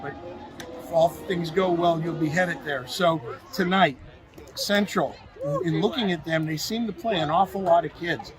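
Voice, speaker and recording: High-voiced man hosting a football show. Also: low-quality recording. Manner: conversational, analytical. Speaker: sports show host. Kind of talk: high school football preview and interview.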